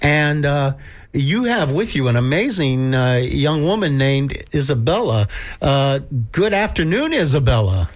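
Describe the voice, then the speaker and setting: A man co-hosting a community radio show, playful and quick with quips. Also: fairly high pitch, big pitch swings. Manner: playful, quippy, enthusiastic. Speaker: radio co-host. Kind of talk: casual community radio chat.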